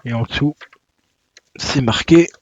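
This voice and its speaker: A man's voice: medium pitch, unhurried, no room sound, muffled recording. A man chatting casually while he unboxes a video game, with lots of fillers and self-corrections. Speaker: YouTuber unboxing video games.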